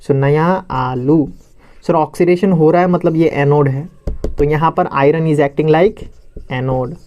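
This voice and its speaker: A man playing a curious young male student who asks his teacher hesitant, drawn-out questions in a classroom role-play. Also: a little high, steady tone, muffled recording.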